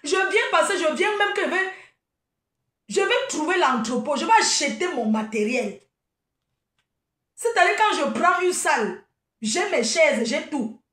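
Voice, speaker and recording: A woman rants and mocks her critics in a high voice, laughing as she goes. She sits a little off the mic, and the room echoes around her. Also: expressive, measured pace, pauses often, fairly bright tone, far from the mic. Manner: combative, mocking, laughing. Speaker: event promoter. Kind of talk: live video rant.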